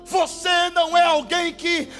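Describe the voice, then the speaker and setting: A man with a Brazilian Portuguese accent preaching a sermon as pastor, impassioned and bursting into shouted exclamations. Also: very high voice, flat delivery, unhurried. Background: faint music.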